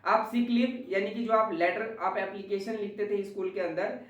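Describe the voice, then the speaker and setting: A man's voice: sits high, steady tone, moderate pace, a bit bright, far from the mic. A man tutoring English grammar in Hindi, patiently repeating examples and talking straight to his students. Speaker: home tutor. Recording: roomy echo, away from the mic.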